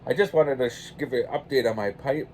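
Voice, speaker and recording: An older man telling a meandering story in a quiet, low-key way, with lots of restarts. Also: fairly quick, a little hiss or hum. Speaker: pipe-smoking channel host. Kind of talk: casual rambling anecdote.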